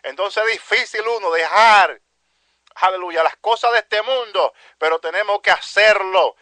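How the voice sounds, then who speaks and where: A man delivers a fervent evangelical sermon in a high, bright voice. He keeps circling back to exclamations of praise and calls his listeners brothers. The recording is dry and close, with no room sound. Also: a little slow, no echo. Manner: peppers speech with "aleluya" and "santo Dios", addresses "mi hermano"; impassioned, repetitive preaching cadence. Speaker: preacher.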